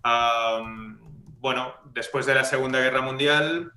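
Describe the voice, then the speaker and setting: Male panelist, lecturing tone, bright forceful voice, roomy echo. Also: mid-range voice, steady tone, takes it slowly. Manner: lecturing, many fillers and restarts. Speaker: debate panelist. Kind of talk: casual panel discussion. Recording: echoey room.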